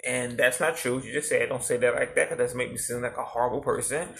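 A man's voice: mid-range voice, fast, gravelly. A man in his thirties co-hosting a casual podcast, telling stories with lots of laughter and swearing. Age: 30s. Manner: animated storytelling, laughs often, swears freely. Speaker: podcast co-host. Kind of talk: casual couple chat.

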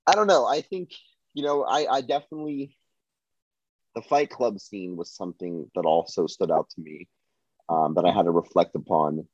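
A man's voice: sits low, moderate pace, a little mellow, no echo, dull audio. A man co-hosting a casual film discussion podcast, rambling with many fillers and restarts. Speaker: podcast co-host.

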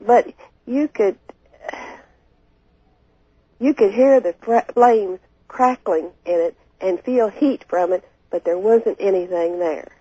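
Rough-voiced woman on a muffled radio call. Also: mid-range voice, takes it slowly, long pauses, mellow, no room sound. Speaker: radio show caller. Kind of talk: casual chat. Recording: dull dry phone call on radio.

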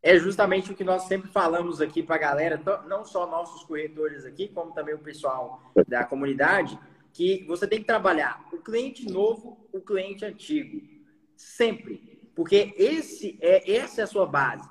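A man with a fairly high voice hosts the chat, enthusiastic and affirming in tone. His voice carries a long echoing reverb. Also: animated, moderate pace. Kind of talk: casual chat.

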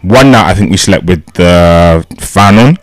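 A man's voice: low-pitched, unhurried, dry recording, studio quality. A man with a London accent chatting casually as a podcast co-host in slangy street-style talk. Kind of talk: casual chat.

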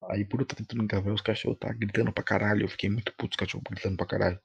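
A man's voice: fairly low pitch, level tone, very fast, creaky, dull audio, slight background noise. A young Brazilian man from Bahia rambling casually as a solo podcast host, in heavy informal street slang with some swearing. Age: young adult.

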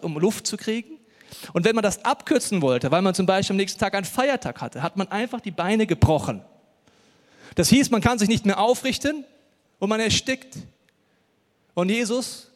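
Preacher, male, high voice, earnest storytelling sermon, long hall echo.

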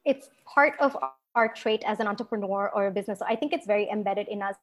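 Speaking quickly in a mid-range voice, a young woman from Singapore appears as a guest entrepreneur in a conversational interview. She's lively, with frequent laughs and restarts.

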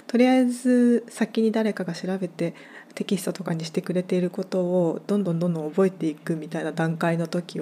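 Woman rambling on her own podcast, soft mellow tone, lots of um and uh. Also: on the low side. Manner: chatty, explanatory, many fillers and restarts. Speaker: podcast host. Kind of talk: casual solo podcast talk.

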